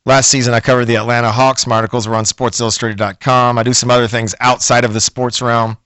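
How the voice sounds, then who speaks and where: A man's voice: medium pitch, flat delivery, fast talker, fairly bright tone, no echo. A middle-aged man hosting a sports radio show in a studio, brash, opinionated and folksy. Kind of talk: sports talk radio monologue.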